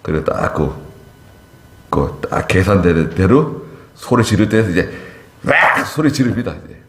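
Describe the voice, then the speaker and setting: Deep-voiced man preaching in an echoey church. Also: moderate pace, a little hiss or hum. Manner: emphatic, animated preaching with asides to the congregation. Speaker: pastor. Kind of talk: sermon. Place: church sanctuary.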